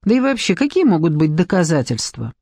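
A woman's voice: fairly low pitch, sing-song, brisk, darkish tone, no room sound. Woman voicing a snarling cowardly male boss. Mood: menacing. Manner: snarling, threatening. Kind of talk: audiobook reading.

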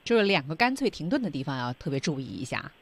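Lively-pitched female radio lesson co-host. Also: fast talker, husky. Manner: encouraging, prompts listeners to practise.

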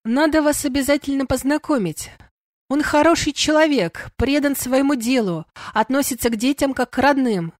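An affectionate young male werewolf suitor, read by a woman in an audiobook. He speaks eagerly and emphatically, sitting a bit higher than the narration around him. The sound is dry and close. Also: normal speed, no room sound, natural voice. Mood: earnest. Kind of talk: audiobook character voice.

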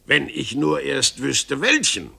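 A man's voice: mid-range voice, very animated, slow, bright, forceful tone, heavily acted. A man doing a grumbling old carpenter. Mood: gruff. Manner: gruff, grumbling. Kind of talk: radio story reading.

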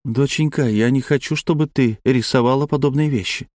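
A man doing a sharp-tongued, mocking wife. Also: medium pitch, a little fast, dry recording, clean studio sound, voice pushed up, close to an everyday voice. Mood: tender. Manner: sarcastic, needling.

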